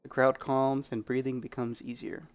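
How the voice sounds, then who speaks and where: Allergy-hoarse guy narrating a game, self-deprecating, rough throat. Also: medium pitch, flat delivery, moderate pace. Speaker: gamer playing blind. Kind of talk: let's play commentary and reading game text.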